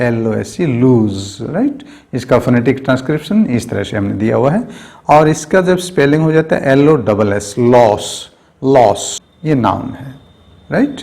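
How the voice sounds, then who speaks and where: A man teaching an English grammar lesson. He explains things slowly and step by step, and he keeps asking "right?". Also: mid-range voice, vocal fry, a little mellow. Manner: slow, explanatory, often asks "right?".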